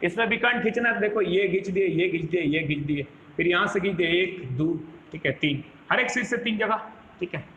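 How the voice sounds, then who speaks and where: A man's voice: high voice, fairly quick, a bit bright, highs cut off. A male maths teacher with a Bihari Hindi accent, giving a chatty classroom lecture that repeats phrases and asks students questions. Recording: echoey room with faint background noise.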